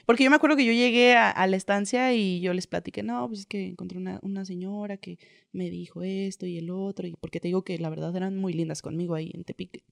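A woman's voice: medium pitch, vocal fry, no echo, clean studio sound. Chatty young Mexican woman telling stories. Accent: Mexican Spanish. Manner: chatty, lots of slang and filler tags. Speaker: guest. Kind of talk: casual interview storytelling.

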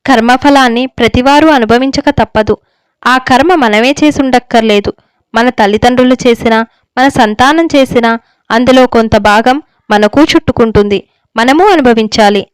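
A woman's voice: a little high, moderate pace, smooth, no room sound, close to an everyday voice. A woman reading the lines of a stern older village elder husband who lectures on righteousness. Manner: stern, moralizing, unbending. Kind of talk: story reading.

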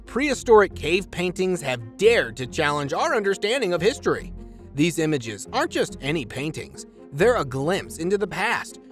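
A man delivers scripted countdown narration with a playful, slangy manner. His pitch sits a little high and swings widely from line to line. A music bed runs quietly underneath.

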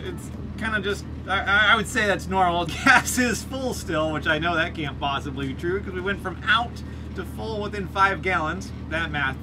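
Sitting behind the wheel of a moving car, a man in his thirties vlogs about his old car with dry, self-deprecating humor. His voice is high, his speed normal, and music plays underneath this casual commentary.

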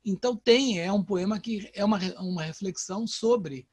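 An older Brazilian man gives an informal poetry lecture over a video call, thinking aloud with frequent restarts and "né?" tags. His voice sits fairly high and a little husky. The sound is dry and close. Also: moderate pace, darkish tone, no echo. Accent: Brazilian Portuguese. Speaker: poet and translator giving an online lecture.

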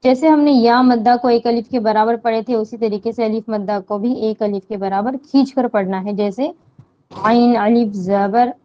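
A woman teaching Quran recitation rules, explaining slowly and answering her own questions, with drawn-out chanted recitation of verses. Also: a little high, warm tone, dull audio. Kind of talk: slow step-by-step tajweed lesson.

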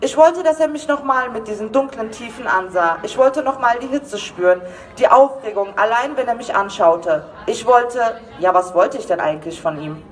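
A woman author giving a live reading from her romance novel, lively and laughing, sometimes losing her place. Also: a little high, moderate pace, distant mic. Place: event hall.

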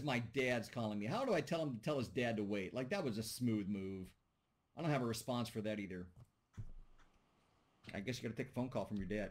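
A husky, mid-range male voice comes through a computer mic as he teaches over a video call. He keeps the class discussion casual, joking with students and reasoning aloud.

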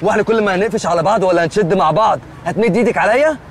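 A man's voice: high voice, very fast, creaky, a little hiss or hum. An actor playing a hot-headed, loutish male entertainer with an Egyptian accent, blustering and threatening in a comedy series. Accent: Egyptian Arabic.

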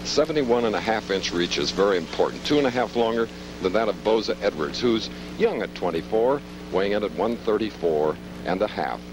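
A man's voice: fairly low pitch, expressive, a little fast. A man giving live boxing commentary at ringside on a noisy broadcast. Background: loud background noise.

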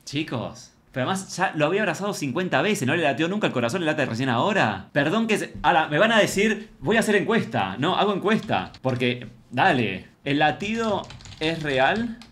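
A young man with an Argentine accent chatting excitedly to his viewers as he reacts to a reality show. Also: a little high, fairly quick. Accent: Rioplatense Argentine Spanish. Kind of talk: casual reaction commentary.

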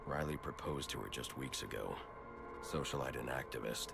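An actor voicing a grim, brooding masked vigilante detective in a video game, speaking in a gravelly, clipped way. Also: male voice, a bass voice, normal speed. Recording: game audio under music.

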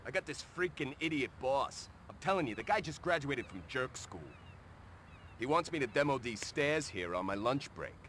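Brash new hustler guy, a man voicing him in a skate game, bright lively voice. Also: mid-range voice, moderate pace, slight background noise, lightly acted. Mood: brash scheming. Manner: brash wisecracking streetwise talk. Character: greedy blue-collar male worker, pushy schemer. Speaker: video game character.

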